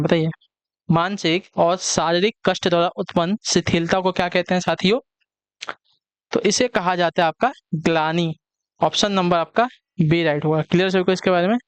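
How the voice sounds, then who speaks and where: A man's voice: fairly high pitch, clean tone, no echo. A man teaching an online exam-prep lesson. He repeats each question and answer and keeps checking in with his students.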